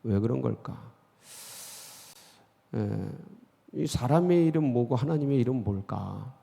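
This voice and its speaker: A man preaching as senior pastor in a church sermon, asking the congregation question after question and bursting out loudly when he quotes scripture. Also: medium pitch, lively intonation, unhurried, creaky, in a large hall. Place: church sanctuary.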